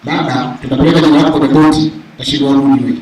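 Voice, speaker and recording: A man's voice: medium pitch, fairly even intonation, racing, a little mellow. A man with a Tanzanian accent speaks as master of ceremonies at a live event, addressing the audience in a playful, informal way. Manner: playful, informal, with call-and-response. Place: large echoing hall at an event. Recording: echoey hall, distant mic, faint noise.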